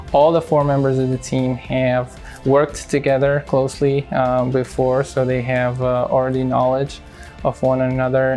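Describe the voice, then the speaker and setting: A man from Syria, a cardiologist speaking in a hospital profile interview, measured and halting with many fillers. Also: medium pitch, vocal fry, darkish tone.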